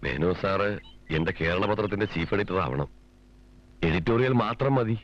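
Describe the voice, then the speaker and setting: An actor playing a courteous rival newspaper owner who speaks deferentially and persuasively. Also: male voice, sits low, animated, normal speed, dull audio.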